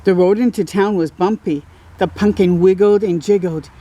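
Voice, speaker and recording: A woman reads a picture book aloud to young children, expressively exclaiming, drawing out key words and slipping in encouraging comments. Her medium-pitched, dark voice keeps a steady tone and moderate pace. The recording's high frequencies are cut off.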